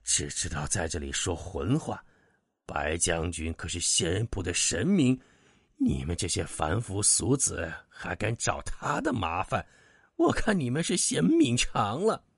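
A man voicing a haughty, scornful old village elder who speaks slowly and drags his words. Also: low voice, sing-song, gravelly, slightly rough, no room sound, studio quality, exaggerated voice. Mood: sneering. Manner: slow, drawn-out sneering speech.

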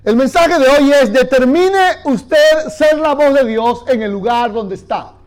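Man, pastor, sermon, very high voice, call-and-response with the congregation. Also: unhurried, faint music behind. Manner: storytelling, addressing the church directly.

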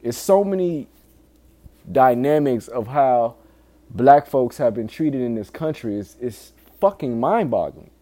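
A man with a low-set, dark, mellow voice records a candid solo podcast. His talk is informal and full of swearing, with an earnest, pleading urgency as he warns his listeners. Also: lively intonation, unhurried. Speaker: podcast host.

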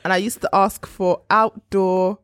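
A woman's voice: medium pitch, level tone, a little slow, clean tone, dry recording, clean studio sound. A young woman, chatting and teasing her friends on a podcast, laughing often. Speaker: podcast co-host. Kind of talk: casual chat with friends.

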